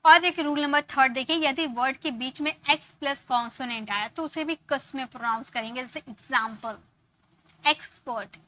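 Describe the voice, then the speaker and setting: Bright, high-voiced woman teaching English. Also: normal speed, no room sound. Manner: explains step by step, repeats example words, checks in with "ok". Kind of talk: online grammar lesson.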